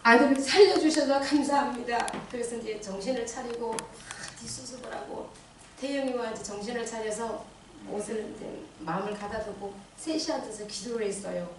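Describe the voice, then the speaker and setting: A middle-aged woman stands before a church congregation and gives a personal testimony, acting out her own cries and prayers as she tells it. Her voice sits a little high. It comes from some distance and rings around a very echoey hall. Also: fairly even intonation, brisk, background noise. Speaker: church deaconess giving testimony.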